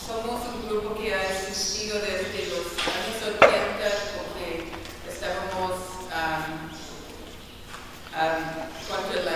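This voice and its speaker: A woman introducing her visiting group, speaking haltingly with many pauses of "um" and "ah". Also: lowish voice. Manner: halting, frequent um and ah. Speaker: member of a visiting solidarity group. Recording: distant, echoey, noisy hall.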